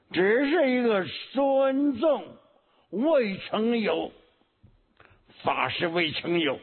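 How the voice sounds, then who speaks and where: A man giving a Buddhist sermon, teaching slowly and deliberately, often pausing with a hum and repeating key words. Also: sits high, husky. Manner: slow, measured teaching with frequent hums and repetitions. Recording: tinny phone-like lo-fi recording.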